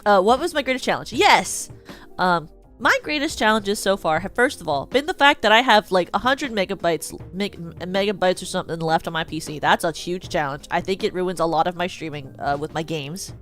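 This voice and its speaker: A woman's voice: on the low side, animated, fairly quick, fairly bright tone, faint music behind. A young woman streaming casual chat, giggly and rambling, with frequent restarts.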